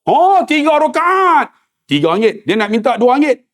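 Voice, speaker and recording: Animated high-voiced preacher. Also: male voice, moderate pace. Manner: animated storytelling with comic asides; addresses the audience as tuan-tuan. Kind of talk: humorous religious lecture.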